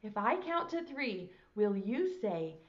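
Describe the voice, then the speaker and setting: With big pitch swings at a slow pace, a mid-range female voice leads children through nursery rhymes at circle time. She's a middle-aged preschool teacher, broad, singsong, and theatrical, recorded on a lapel mic in a small indoor classroom set, and the audio is dull.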